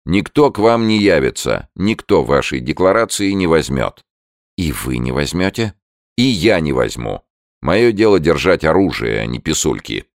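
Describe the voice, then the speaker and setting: A curt, dismissive palace officer, as an audiobook reader puts him on. The voice is very deep and gravelly, lifted a little for the commands. It sounds close and dry. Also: male voice, big pitch swings, moderate pace, no room sound, exaggerated voice. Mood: curt, stern. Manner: categorical, clipped.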